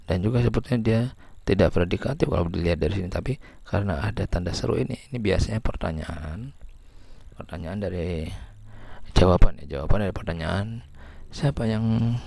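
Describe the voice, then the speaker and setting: A man's voice: low voice, a little fast, gravelly, pauses often, dark tone, dry recording. A man giving a lecture, explaining step by step and reading out example sentences. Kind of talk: lecture on syntax.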